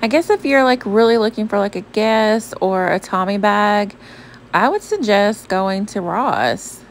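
A woman's voice: mid-range voice, a little slow. A young adult woman from the southern US, narrating a shopping trip in a casual, bubbly voice-over full of "um" and "like". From Southern United States. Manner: chatty and bubbly, many fillers like "um" and "like". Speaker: shopping vlogger. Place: voice-over recorded apart from the pictured store. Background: faint background music.

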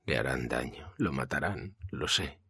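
Spanish guy doing a frantic mum begging for her son, deep gravelly read. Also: animated, a little slow, bright, forceful tone, exaggerated voice. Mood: despairing. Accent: Spain. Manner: pleading, urgent. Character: desperate mother of a detained son.

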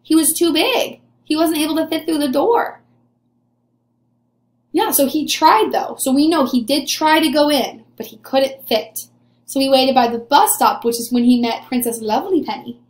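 Captured at desk distance by a webcam or camera, a high female voice at normal speed carries reverb from a small room. The speaker, an early elementary teacher in her twenties, gives young children an animated read-aloud lesson, encouraging them with questions she answers as if they'd responded.

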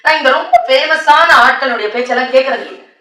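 A woman giving a motivational speech, telling stories, often laughing and slowing down for solemn lines. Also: sits high, sharp tone, distant mic. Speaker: motivational speaker. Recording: echoey hall, voice from off the mic.

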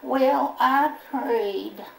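A man's voice: very high voice, extremely slow, creaky, fairly bright tone, pitched above the performer's own voice, exaggerated voice. A ventriloquist man voicing a bumbling, folksy old male bird puppet who rambles in country talk. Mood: rambling. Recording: roomy echo, from far off.

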